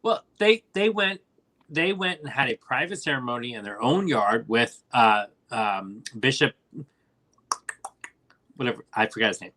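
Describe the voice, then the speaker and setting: A man's voice: medium pitch, expressive, a little slow, pushed and bright. A man co-hosting a casual gossip chat, joking and talking over the others. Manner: chatty, talks over others, joking asides. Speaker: co-host.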